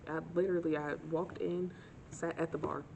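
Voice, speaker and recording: Gravelly-voiced sarcastic young woman. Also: low-pitched, moderate pace, highs cut off, a little hiss or hum. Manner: sarcastic, animated storytelling. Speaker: vlogger. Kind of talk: casual storytime chat.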